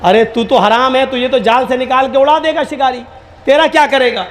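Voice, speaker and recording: A man's voice: very high voice, fairly quick. A man voicing a trapped pigeon that whines and scolds in a raised voice. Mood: whiny. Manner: whiny, scolding. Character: panicky trapped pigeon, male.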